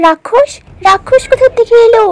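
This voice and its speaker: A woman's voice: very high-pitched, brisk, no room sound. A woman voicing a panicky young village mother in a doll-play story, calling out frantically.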